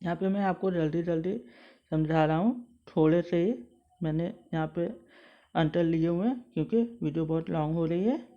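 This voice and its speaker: A man's voice: a little high, normal speed. A male school English teacher explaining a textbook lesson word by word, methodical and repetitive. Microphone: mobile phone. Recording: dull lo-fi phone recording.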